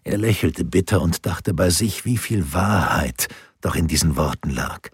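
Deep, husky male audiobook narrator. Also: lively intonation, measured pace, dry recording, studio quality.

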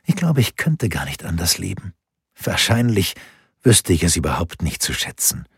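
A devoted young woman in love speaks softly in a hushed, husky voice, read by a man. The voice sits deep, and the recording is close and dry with no room sound. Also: sing-song, normal speed, no room sound, heavily acted. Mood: tender.

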